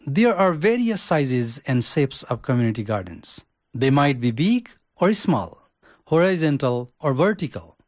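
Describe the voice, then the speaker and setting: A young man from Nepal reads a podcast script in a careful, measured way, his voice a little higher than most men's. The recording is dry and close, with almost no room sound around him. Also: darkish tone, no room sound. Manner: careful, measured reading with list-like phrasing. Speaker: social work student podcaster.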